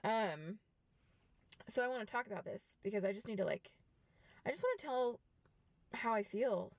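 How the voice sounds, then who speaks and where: A woman in her twenties talking frankly and reflectively to a camera, with many pauses. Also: mid-range voice, lively intonation, darkish tone, no echo. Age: 20s. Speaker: vlogger. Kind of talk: candid personal monologue to camera. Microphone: camera mic.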